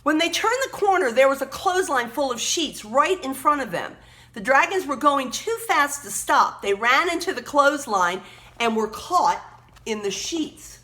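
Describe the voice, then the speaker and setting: Reading aloud to children, a woman storyteller uses a high, bright voice whose pitch swings very lively, at a moderate pace. She's emphatic and expressive, and she steps out of the story like a teacher to point out words and pictures.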